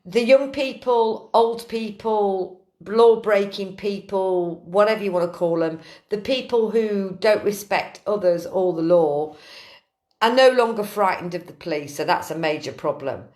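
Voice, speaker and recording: A woman hosts a casual late-night live stream from her kitchen, talking in an animated, ranting way with earthy swearing. Her voice sits at a middling pitch. The echo of the room comes through clearly. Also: a little slow. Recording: roomy echo.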